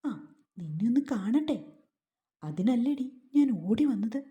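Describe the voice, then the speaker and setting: A woman's voice: a little high, big pitch swings, a little slow, mellow. A woman voicing a cruel, resentful young husband who speaks in a harsh, taunting, menacing way. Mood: mocking.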